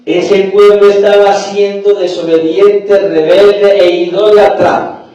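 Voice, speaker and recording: A man, a pastor, preaching a sermon with fiery delivery that rises to shouts, heard in a church hall. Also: high voice, flat delivery, slow, dull audio, soft background music. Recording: echoey church hall, mic at a distance.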